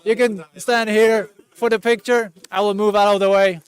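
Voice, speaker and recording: Very high-voiced man yelling excitedly. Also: normal speed, smooth. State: losing his voice. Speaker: event host announcing prizes. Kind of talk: live-streamed award announcement.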